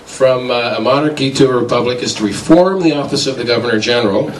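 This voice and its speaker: A man getting over the flu, giving a halting debate speech full of filler sounds, picked up by a distant mic in an echoey hall. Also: medium pitch, a little hiss or hum. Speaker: debater for a republic.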